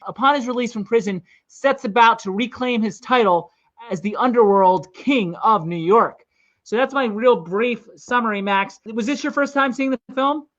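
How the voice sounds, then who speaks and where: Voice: medium pitch, moderate pace, fairly bright tone. A podcast host in their forties, telling film anecdotes in casual chat and chuckling often. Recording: dull lo-fi sound.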